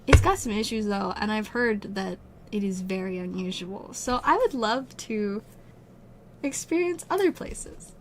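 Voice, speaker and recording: Chatting with her livestream viewers, a twenty-year-old woman from Utah rambles in an animated, unhurried, mid-range voice, laughing and peppering her talk with "like." Her throat is strained and her voice is wearing out. Slight background noise is present.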